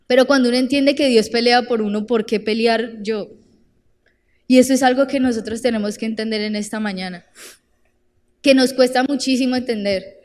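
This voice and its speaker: Young Colombian woman preacher, fairly high voice, long church reverb, animated and direct. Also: normal speed. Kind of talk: sermon.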